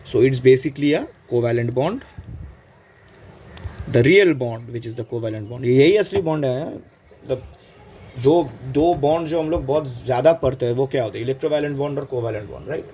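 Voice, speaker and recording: This exam-prep chemistry lecture comes from a man with an Indian accent whose voice is medium-pitched and mellow, with slight background noise. Moving between Hindi and English, he checks in with "right?" over and over and stretches out important terms slowly.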